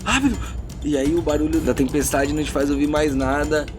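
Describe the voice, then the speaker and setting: A Brazilian game master with a fairly high pitch narrates a fantasy tabletop role-playing game dramatically, tossing in informal asides. His intonation is fairly even and his pace a little fast, with a music bed behind him.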